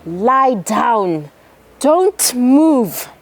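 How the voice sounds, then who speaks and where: A woman voicing a worried farmer father who warns and then shouts for his young son, in a children's story. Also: mid-range voice, lively intonation, slow. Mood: frantic shouting. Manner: calling out urgently.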